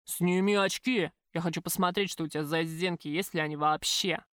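A woman's voice: lowish voice, steady tone, brisk, fairly bright tone, no room sound, studio quality, close to an everyday voice. Woman voicing a crude drunken male thug. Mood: menacing. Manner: rough, jeering.

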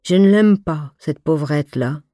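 A woman reading the part of a stern but motherly fifty-two-year-old friend, speaking in an even, soft, deep voice. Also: unhurried, dry recording, studio quality. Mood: tendre. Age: 50s. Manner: voix égale et douce; ton de voix profond. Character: femme de cinquante-deux ans, amie sévère et maternelle. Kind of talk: scripted audiobook reading.

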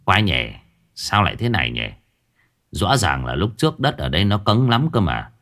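A man's voice: sits low, very animated, normal speed, a bit bright. A man voicing a bossy older village clan elder who barks orders brusquely. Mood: puzzled.

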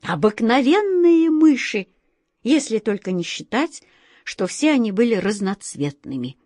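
A woman narrating a children's book as an audiobook, in a measured and expressive way. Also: medium pitch, no room sound.

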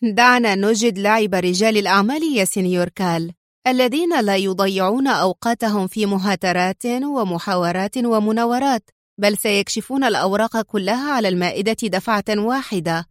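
A woman's voice: medium pitch, no room sound, studio quality, close to an everyday voice. A woman voicing a bold, determined young woman who bargains in a cool, businesslike way. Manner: businesslike, cool, quick to turn sharp.

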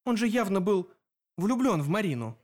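Man reading as a young heroine, firm and inquisitive, raised pitch. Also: very animated, normal speed. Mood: earnest. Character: young woman narrator-heroine, firm and curious.

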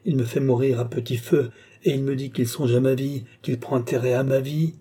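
A man's voice: medium pitch, steady tone, a little fast, dark tone, breathy edge, natural voice. A man reading an audiobook and voicing a fierce young Roman woman held captive, who speaks in passionate, defiant, pleading bursts.

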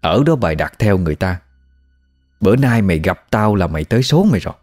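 A fearless old village exorcist scolds a ghost bluntly and without pity. A man with a Southern Vietnamese accent voices him low and mellow, with faint music underneath. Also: sing-song, quick pace, dry recording, clean studio sound. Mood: scolding.

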